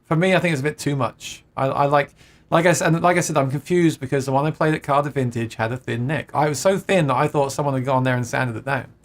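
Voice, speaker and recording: Running a live chat stream about guitars, a man with a mid-range voice talks casually and reads viewers' comments aloud. He speaks fast, laughs a lot, and often stops to start a thought over.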